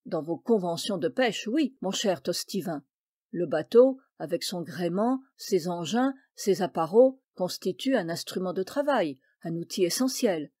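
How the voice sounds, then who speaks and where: A woman's voice: lowish voice, lively intonation, a little slow, a little mellow, no echo, clean studio sound. A woman voicing a stern, formal male maritime commissioner who lectures in an audiobook. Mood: lecturing.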